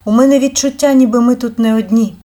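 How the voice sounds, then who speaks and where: A bossy elder sister from a fairy-tale audiobook who gives orders without a second thought, her voice set a little higher than the reader's own, as a woman reading the tale puts her on. She speaks firmly and with authority. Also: steady tone, quick pace, warm tone, natural voice. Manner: firm and commanding. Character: young woman, commanding decisive elder sister.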